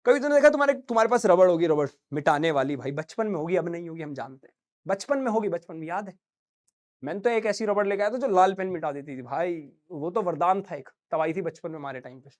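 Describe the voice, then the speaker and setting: A man's voice: high-pitched, expressive, quick pace. A young man teaching a physics lesson in a casual, chatty way, calling his students beta and bhaiya and mixing in anecdotes and little sung sound effects. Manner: sings little sound effects between points. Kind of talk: casual classroom lecture.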